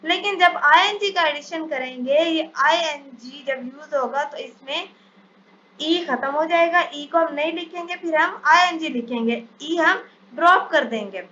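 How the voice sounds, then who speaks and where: A woman teaching English spelling rules in a step-by-step lesson, reading each English rule out slowly before explaining it. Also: high-pitched, pushed and bright. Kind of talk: spelling lesson over slides. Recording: dull lo-fi sound, faint hiss.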